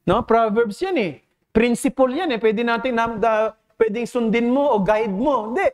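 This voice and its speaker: Delivering a sermon at a moderate pace, a Filipino pastor with a very high voice and a Filipino accent switches between Tagalog and English. Earnest and teacherly, he poses one rhetorical question after another to his congregation, and he is from the Philippines.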